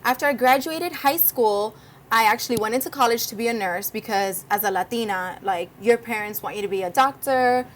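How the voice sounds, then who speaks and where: A young woman from Miami, born in Cuba, chats as a talk-show guest with a slightly high voice. She tells her stories in a lively way and acts out the voices in them, with faint noise behind her. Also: fairly quick. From Cuba, raised in Miami. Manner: lively, animated storyteller, acts out quotes. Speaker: guest co-host, social media influencer. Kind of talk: casual talk-show chat.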